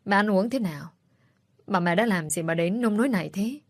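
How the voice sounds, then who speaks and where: A woman's voice: medium pitch, expressive, a little fast, dry recording, studio quality, natural voice. A woman voicing an anxious young daughter who pleads tearfully with her mother in a read-aloud story. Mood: pleading.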